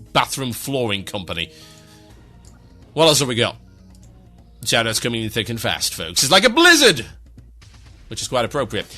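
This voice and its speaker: A man hosting an online radio show, rattling off listener shout-outs with dry sarcasm and mock grandeur. His voice is fairly high and bright, and it swings widely up and down in pitch. Soft music plays underneath.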